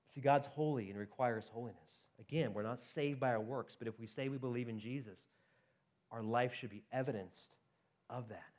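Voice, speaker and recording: A man preaching a sermon in an urgent, conversational way, often dropping quiet and then rising. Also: mid-range voice. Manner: urgent, conversational preaching with rapid swings in loudness.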